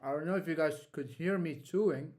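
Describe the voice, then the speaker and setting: Young male study streamer, slightly higher voice, thinks aloud in low mutters. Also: brisk, background noise. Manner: talks to himself, thinking aloud, mumbles and chews.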